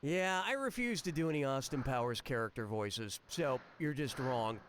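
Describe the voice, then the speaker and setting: A man's voice: medium pitch, expressive, moderate pace, natural voice. An actor playing a smug, wisecracking male quiz host, talking in a sarcastic game-show style over game music. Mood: snarky. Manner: wisecracking, snarky.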